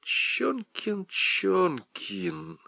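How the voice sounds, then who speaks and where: A man's voice: on the high side, sing-song, moderate pace, no room sound, voice pushed up. A man playing a smug army lieutenant who teases with fake innocence and drones in officialese. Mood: mock-innocent. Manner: mock-innocent, then droning officialese. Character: mocking young male army lieutenant, smug bureaucrat.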